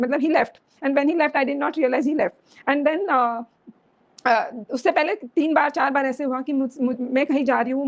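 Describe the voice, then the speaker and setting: A woman's voice: high-pitched, gravelly. A young woman, a devotee, telling a personal story in an earnest, emotional way, switching languages mid-sentence. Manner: mixes Hindi, Marathi and English mid-sentence. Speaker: devotee sharing a personal experience. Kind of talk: personal testimony.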